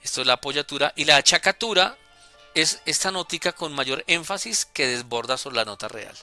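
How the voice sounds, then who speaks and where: A man calmly explaining music notation as a teacher, deliberate and with small hesitations. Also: a little high. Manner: deliberate, with hesitations and self-corrections.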